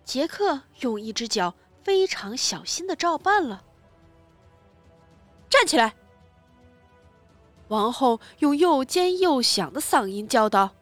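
A woman narrating a children's story aloud in an expressive reading voice. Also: high-pitched, dry recording, soft background music. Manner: slow, expressive, lively storytelling.

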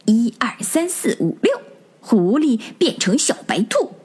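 A woman's voice: high voice, big pitch swings, brisk, pitched above the performer's own voice. A woman voicing a sly, envious little fox in a storybook, chanting a spell. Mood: scheming.

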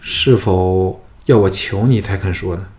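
A man reading the lines of a wary young male adventurer in a plain, measured voice. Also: deep voice, fairly even intonation, a little mellow.

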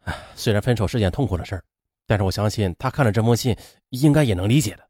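A man voicing a cautious, earnest young male student who talks low and hesitantly. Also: lively intonation, quick pace, a little mellow, no echo, clean studio sound.

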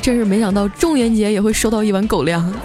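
A young woman host telling a comic story in a chatty way, stretching her sentences with drawn-out particles. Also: mid-range voice. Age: young adult. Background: faint background music.

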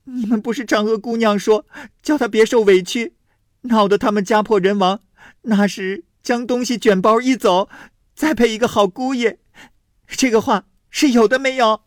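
Male reader voicing a high, sharp young maid, indignant and quick; dry recording. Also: animated, no echo. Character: sharp-tongued young maid, defiant and cornered.

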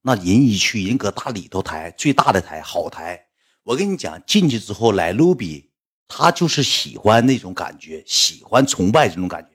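A man with a Northeastern Mandarin accent, a livestreamer telling stories to his viewers in a chatty, animated way, acting out quotes. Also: on the low side, moderate pace, husky. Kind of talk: casual storytelling to viewers.

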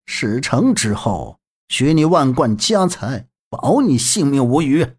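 Narrator playing a low-voiced smooth-talking envoy, slow and husky. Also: sing-song, darkish tone, heavily acted. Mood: persuasive. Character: cunning male envoy, calm and persuasive.

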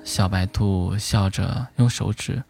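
Guy reading a bedtime story real slow, low mellow voice, soft music behind. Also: fairly even intonation, creaky. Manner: gentle, unhurried storytelling, lightly voicing the animal characters. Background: soft instrumental music.

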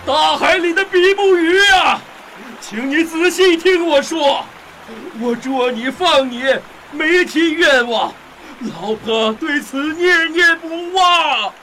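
A woman's voice: fairly low pitch, sing-song, unhurried, slight background noise, poor audio. A woman voicing a meek, worried old fisherman in a fairy tale, hesitant and pleading with many sighs. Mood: desperate shouting.

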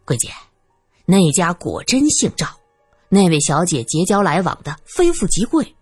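A woman's voice: lowish voice, very animated, a little slow, a little mellow, husky, dry recording, soft background music, full character voice. A woman voicing an eager male informant reporting back to his boss.

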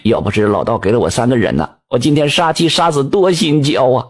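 A man voicing a middle-aged shopkeeper, quick to anger but holding himself back. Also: medium pitch, expressive, slightly rough. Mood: weeping. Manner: blustering, exclaiming. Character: middle-aged male shopkeeper, hot-tempered but restrained.

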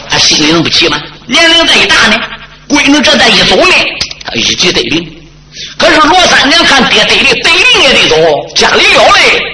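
A man performing a traditional Chinese story in a dramatic, swooping manner with sudden shouts. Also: sits high. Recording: roomy, loud background noise.

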